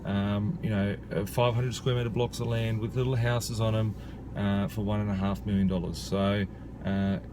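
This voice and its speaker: Standing outdoors beside a rural property, an Australian property investor in his thirties talks casually to the camera. His voice is on the low side and flat, at normal speed, dotted with plenty of "uh" and "you know." Traffic and other outdoor noise can be heard.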